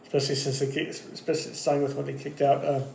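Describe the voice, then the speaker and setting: A man talks through his wrestling picks in a casual, rambling monologue, stopping and restarting his sentences often. His voice is mellow and dark. The recording has a roomy echo with a faint background hum. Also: medium pitch, level tone, fast, gravelly. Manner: rambling, with many fillers and restarts. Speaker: wrestling channel host. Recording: echoey room.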